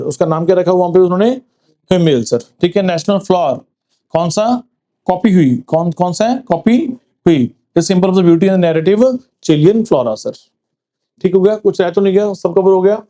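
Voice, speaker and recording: A male teacher quizzing a class for exams, repeating answers and slowing down to read English facts. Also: high-pitched, expressive, dark tone. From Punjab, India. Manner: quizzing, asks then answers with "sir", slows for reading English facts. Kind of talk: classroom exam-prep lecture.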